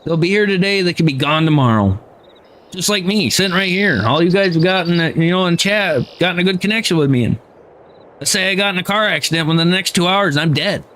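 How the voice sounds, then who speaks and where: A man's voice: high-pitched, quick pace, a bit bright, a little hiss or hum. Heated, swearing man ranting. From United States. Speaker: game streamer. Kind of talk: casual livestream chat.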